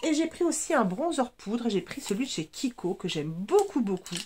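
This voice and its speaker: A woman's voice: fairly high pitch, sing-song, normal speed, a little mellow, slight background noise. Chatty sniffly woman beauty vlogger. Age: 40s. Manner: chatty and enthusiastic, many fillers. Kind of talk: casual makeup product chat.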